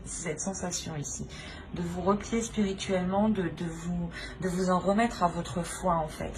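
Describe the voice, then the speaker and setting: Her voice is lowish with fairly even intonation and a moderate pace. As host of her tarot channel, she gives viewers an unscripted reading, hesitant and repetitive, frequently ending phrases with "hein." The recording carries noticeable background noise.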